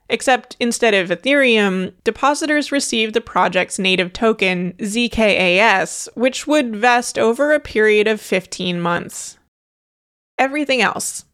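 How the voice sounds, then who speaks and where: A woman's voice: mid-range voice, a bit bright. A woman reading her own tech newsletter aloud in a scripted, wry, dry manner.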